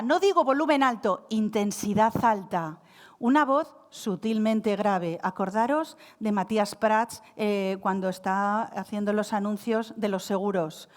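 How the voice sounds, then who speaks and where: Lively woman coaching in a hall. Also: a little high. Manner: lively, asks the audience questions and gives instructions. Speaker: coaching speaker. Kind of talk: live coaching talk to an audience. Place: hall with audience. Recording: reverberant hall.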